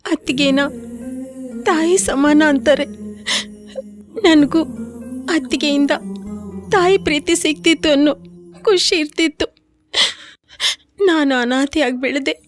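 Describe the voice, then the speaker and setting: Scared young woman in a dubbed movie, super high voice, teary and pleading. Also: a little slow, long pauses, faint music behind. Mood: tearful. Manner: tearful, pleading. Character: frightened young woman, orphan, weeping over her brother. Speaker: dubbing actor. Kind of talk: dubbed film dialogue.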